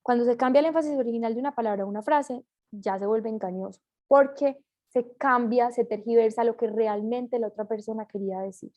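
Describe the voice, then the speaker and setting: A woman's voice: on the high side, brisk, hardly any pauses, a little mellow, highs cut off. A woman reading a class presentation aloud, with small slips and self-corrections as she goes.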